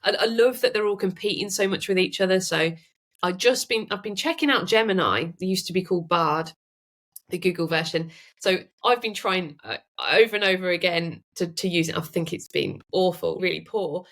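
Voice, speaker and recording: A woman guest on a podcast who chats in a lively way and often laughs. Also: on the low side, normal speed. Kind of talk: casual interview chat.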